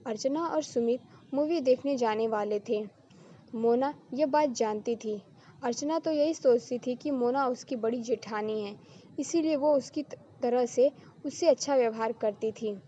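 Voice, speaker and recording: Woman narrating a story, high voice. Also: measured pace, warm tone. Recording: slightly muffled with faint hiss.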